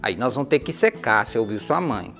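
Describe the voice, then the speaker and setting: A woman's voice: a bass voice, big pitch swings, brisk, vocal fry, fairly bright tone, faint music behind. A Brazilian woman soothing and coaxing her nervous dog through a bath, with sighs and exclamations. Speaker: pet owner vlogger. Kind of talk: casual talk while bathing a dog.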